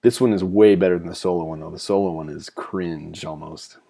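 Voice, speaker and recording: A man's voice: deep voice, steady tone, a little fast, vocal fry, dark tone. A man talking casually and enthusiastically as he comments on a film while watching it, with frequent fillers. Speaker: movie commentary host.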